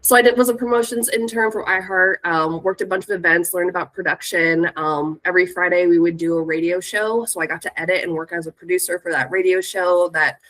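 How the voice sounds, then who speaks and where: This is a music industry professional in her thirties, a woman from Northern California, giving a chatty, informal guest talk about herself while sick with a cold that leaves her voice stuffed up. Her lowish, slightly bright voice keeps a fairly even intonation and moves fairly quickly with hardly any pauses, over poor-quality audio.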